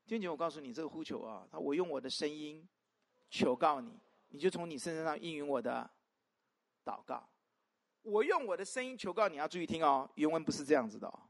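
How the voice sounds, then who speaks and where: A pastor preaching a sermon to a congregation, peppering it with rhetorical questions and swinging between loud emphatic calls and soft asides. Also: medium pitch, a little fast, creaky. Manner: animated, constant rhetorical questions to the listeners.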